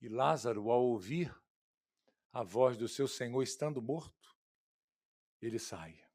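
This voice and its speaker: In his expository sermon, a Brazilian Portuguese-accented pastor calls his listeners "irmãos" and "queridos," alternating forceful, loud lines with soft, hushed ones. He speaks a little slowly in a mid-range voice.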